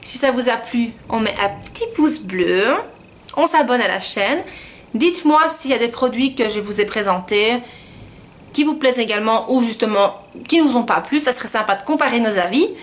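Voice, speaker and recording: A woman's voice: on the high side, expressive, moderate pace. A woman chatting through a casual beauty product review, rambling and poking fun at herself. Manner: chatty, rambling, self-mocking. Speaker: beauty vlogger.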